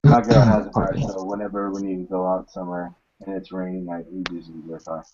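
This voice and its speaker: A man's voice: deep voice, flat delivery, fairly quick, highs cut off, noisy background. A young man chatting casually in a group with laid-back, slangy, profanity-laced delivery. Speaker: motovlogger in a group hangout.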